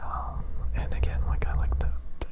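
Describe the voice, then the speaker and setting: Whispered, halting ASMR rambler. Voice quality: breathy unvoiced whisper throughout. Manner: rambling, halting, repeats words and phrases. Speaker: ASMR video creator.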